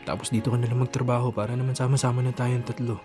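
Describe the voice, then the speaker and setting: A man's voice: mid-range voice, level tone, rapid-fire, natural voice. A man acting an earnest, anxious husband, music behind. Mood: disappointed, pleading. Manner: earnest, coaxing, conversational. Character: loving, anxious Filipino husband and father, lonely for his wife. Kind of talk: radio drama dialogue. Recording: background music under the voice.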